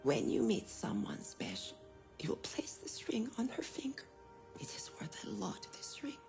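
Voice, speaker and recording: A woman playing a long-suffering, protective mother in a video game drama, with a breathy voice and careful, formal phrasing. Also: on the high side, sing-song, normal speed, over music. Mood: tender, hushed. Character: gentle but defiant, long-suffering mother and wife.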